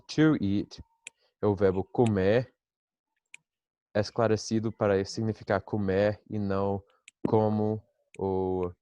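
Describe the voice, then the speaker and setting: A man who grew up speaking teaches an online class in Portuguese, speaking slowly and patiently with a fairly low voice. He checks in with his students constantly. The sound is dry and close over the video call. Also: warm tone, no room sound, muffled recording. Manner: patient, slow explaining with many "né?" checks. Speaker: English teacher. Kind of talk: online language lesson.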